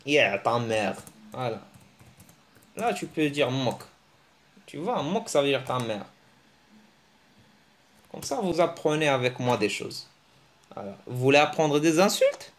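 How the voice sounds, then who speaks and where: A man giving a casual, joking online language lesson, teasing his viewers and breaking into animated bursts. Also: unhurried, pauses often. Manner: joking, animated, teasing, with sudden pitch jumps. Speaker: language teacher.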